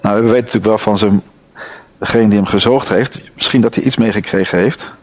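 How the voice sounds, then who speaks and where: Low-voiced man teaching from scripture. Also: fairly quick. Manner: reads scripture aloud and asks the listeners questions. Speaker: Bible teacher. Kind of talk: Bible study talk.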